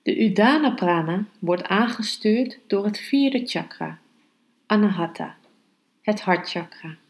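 A woman hosting a yoga podcast, teaching calmly and guiding meditation in a measured, unhurried way. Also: medium pitch. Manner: slow, measured, unhurried delivery with pauses. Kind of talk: calm instructional podcast and guided meditation.

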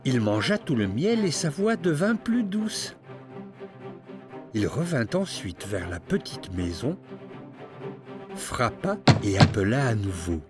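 Expressive man narrating a fairy tale. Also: mid-range voice, slow, pauses often. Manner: expressive, rising and falling storytelling. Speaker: storyteller. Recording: narration over clear music.

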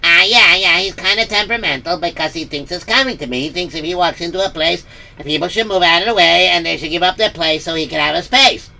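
A man's voice: high-pitched, quick pace, vocal fry, bright, forceful tone. A man narrating a story casually, rambling with many fillers and repetitions.

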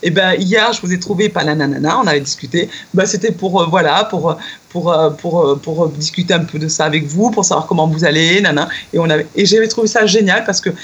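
A middle-aged woman recounting a memory in a relaxed conversation. She gets excitable, laughs easily and leaps up in pitch when she acts out what people said. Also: fast talker, dull audio. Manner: excitable, laughs often, lively acted-out quotes. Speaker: guest telling a personal story. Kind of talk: casual storytelling chat.

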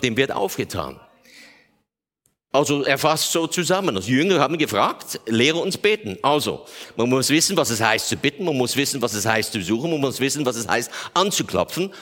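A man preaching a sermon in a lively way, acting out quoted prayers in a higher voice. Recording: long hall reverb.

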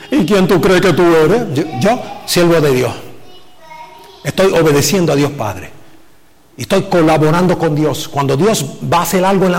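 A man preaching a sermon as pastor, animated and full of rhetorical questions, mixing in English filler words. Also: fairly high pitch, long reverb tail. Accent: Puerto Rican Spanish from the US Northeast. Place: church sanctuary.

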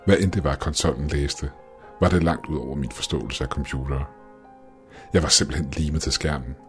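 A man narrating a scripted horror story in a measured, ominous way. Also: rumbling low, faint music behind.

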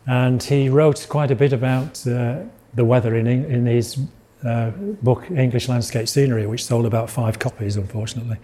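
A man's voice: medium pitch, steady tone, moderate pace, dark tone. A middle-aged man with a Yorkshire accent giving an illustrated lecture, rambling with restarts and asides.

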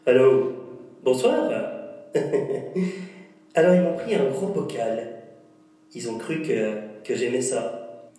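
A man's voice: a little high, dark tone. A man, a beatboxer, improvising jokes and playing with the echo inside a cave. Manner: playful, clowning. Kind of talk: improvised joking with cave echoes. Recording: echoey cave, from far off.

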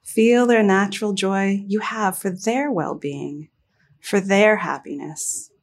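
A woman leads a guided meditation, her voice sitting in an ordinary middle range. She speaks very slowly and softly, letting long pauses fall between short phrases. The delivery is calm and soothing throughout. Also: mid-range voice.

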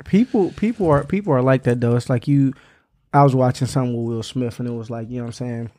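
A young American man hosting a casual chat, talking in relaxed, everyday slang. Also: mid-range voice, fast talker. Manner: slangy, conversational. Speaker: podcast host.

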